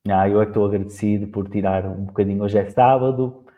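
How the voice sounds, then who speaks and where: A man with a European Portuguese accent hosting a casual podcast interview, talking fast with halting restarts. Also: on the low side, steady tone, warm tone. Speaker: podcast host. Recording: tinny phone-like line.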